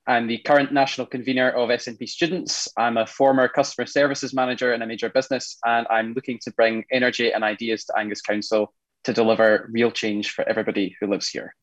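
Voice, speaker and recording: A man's voice: mid-range voice, little pitch movement, quick pace, highs cut off. A young adult man, a council candidate, giving confident, lightly joking panel answers.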